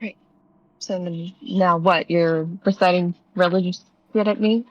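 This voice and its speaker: A woman with a husky voice playing a tabletop game, talking casually and bluntly. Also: on the low side, steady tone, unhurried, no room sound. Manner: blunt, informal, swearing. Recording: slightly dull, lo-fi sound.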